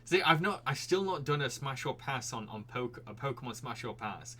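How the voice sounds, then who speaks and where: A British man with a blend of Yorkshire and posh Received Pronunciation in his accent hosts a live stream quiz, giggling and chatting as he reads replies from his chat. His mid-range voice has lively intonation at normal speed, bright and forceful but husky.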